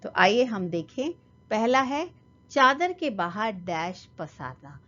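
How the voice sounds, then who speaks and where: Woman teacher talking real slow to kids, patient, kinda muffled lo-fi audio. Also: mid-range voice, very animated, sharp tone. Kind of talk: children's Hindi lesson.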